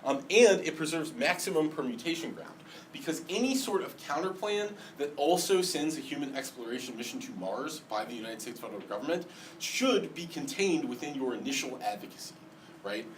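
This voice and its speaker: A man with a slight lisp gives an explanatory classroom lecture, often pausing with ums and restarting sentences. He sounds set back from the microphone, and a faint background hiss stays under his voice. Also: on the high side, expressive. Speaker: debate lecturer. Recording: distant mic, faint background noise.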